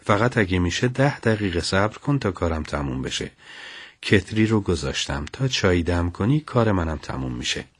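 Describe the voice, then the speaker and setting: Guy doing a soft motherly mom voice, kind teacher type, pitched up, dry. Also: sing-song, breathy edge, no room sound, full character voice. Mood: gentle. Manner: gentle, motherly. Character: warm middle-aged mother, a teacher.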